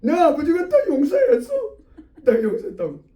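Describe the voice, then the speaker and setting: A man voicing a young boy who cries and pleads in a high, childish voice, in an echoey room away from the mic. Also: wildly swooping pitch, a little fast, mellow, heavily acted. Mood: gloating. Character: young boy, tearful and clinging.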